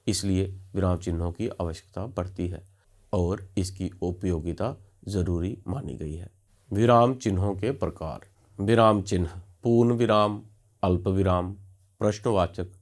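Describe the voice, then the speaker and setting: A man teaching as he narrates a scripted lecture, with a formal, measured and didactic delivery. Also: low-pitched, darkish tone.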